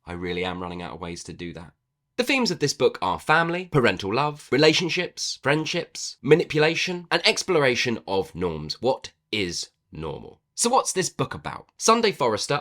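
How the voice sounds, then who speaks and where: A man with a low voice that swoops up and down a lot, talking through a casual book review. He is playful and animated, and pokes fun at himself. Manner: animated and playful, self-mocking asides.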